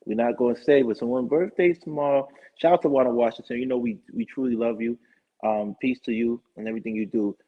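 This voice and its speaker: A man hosting his own live talk show, rambling through shout-outs and sponsor plugs in casual chat. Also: mid-range voice, steady tone, quick pace. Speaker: show host. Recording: dull lo-fi stream audio.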